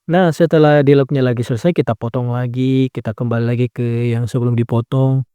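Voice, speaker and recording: A man with a medium-pitched, brisk, clear and resonant voice, recorded dry, calmly teaches a phone video edit step by step. As a video editing tutor giving a screen tutorial, he keeps saying "nah" and correcting himself along the way.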